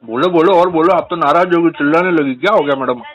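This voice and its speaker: A man's voice: a little high, fast talker, a crowd in the background. A man with an Indian accent, a loan customer mocking and grilling a recovery agent on a phone call, sarcastic and insistent.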